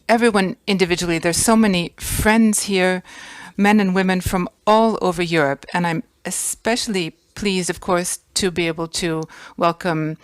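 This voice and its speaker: Woman hosting a conference, low-ish voice, formal and gracious, pretty dry sound. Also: no echo. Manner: gracious, formal, listing guests with pauses. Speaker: conference host. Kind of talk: formal welcome speech. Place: conference hall.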